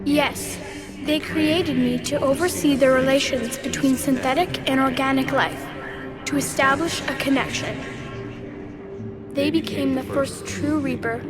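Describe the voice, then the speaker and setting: A woman with a high-pitched voice acts in a video game cutscene as an ancient machine intelligence, calm and superior. Her delivery is measured, formal, detached and didactic, with a cold, certain mood. A loud game score plays behind the dialogue.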